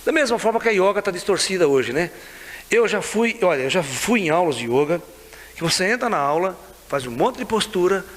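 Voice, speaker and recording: A tai chi teacher in his sixties with a Brazilian Portuguese accent and a high-pitched voice tells stories casually to camera. He is lively, laughs often, and keeps checking in with listeners by asking "né?" and "sabe?", in a reverberant room with faint hiss.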